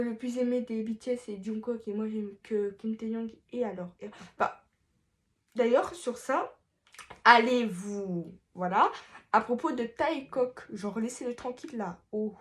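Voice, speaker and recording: Slow-talking woman speaking through a mask. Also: a little high. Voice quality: muffled through a face mask. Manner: rambling, hesitant, lots of fillers and restarts; playful, self-mocking asides. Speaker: vlogger. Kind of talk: casual chat.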